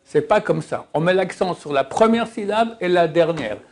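A man with a fairly high voice gives a casual religious lesson on pronunciation. He draws out example words slowly, sometimes almost singing them. He drops teasing remarks along the way. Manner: lively, drawn-out demonstrations of words, half-sung. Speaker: religious teacher. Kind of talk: informal lesson on Hebrew pronunciation.

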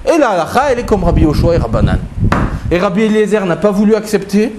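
A man teaching a Talmud story, acting out the quotes with big jumps in pitch. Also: sing-song, fast, background noise. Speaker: Torah teacher. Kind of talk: lively Talmud story lesson.

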